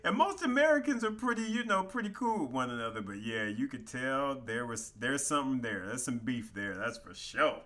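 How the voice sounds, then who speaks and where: A man co-hosting a casual podcast chat, agreeable and quick to laugh. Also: mid-range voice, fairly bright tone. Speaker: podcast co-host.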